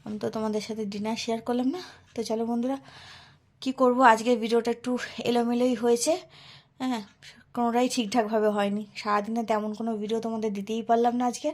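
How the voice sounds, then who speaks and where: Young woman vlogging her day, casual chatty talk, kinda high voice. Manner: chatty, repeats "so come, friends". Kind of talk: casual daily vlog chat.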